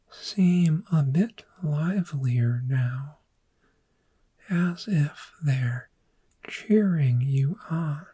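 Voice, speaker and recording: A woman plays a calm dragon therapist in an ASMR roleplay, whispering in a very breathy, exaggerated voice at an extremely low pitch. She speaks extremely slowly and deliberately, her soft, mellow tone gently soothing the listener through guided imagery.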